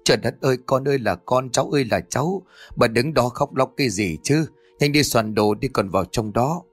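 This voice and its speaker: A man's voice: medium pitch, fairly quick, slightly rough, dry recording, soft background music, lightly acted. A man playing a stern, shaken old grandfather who stammers and barks orders. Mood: shocked. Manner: stammering, barking.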